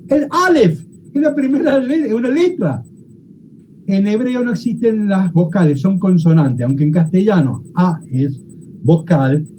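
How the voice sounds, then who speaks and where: A Bible teacher gives a classroom lecture. The teacher explains step by step and often checks understanding with quick questions. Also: medium pitch, dark tone, slight background noise, rough recording.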